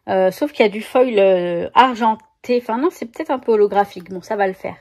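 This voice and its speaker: A woman's voice: mid-range voice, fairly quick, a little mellow. Chatty woman showing off sticker finds. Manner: chatty, self-correcting, talks to viewers while handling stickers. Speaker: scrapbooking vlogger. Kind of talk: casual haul video chat.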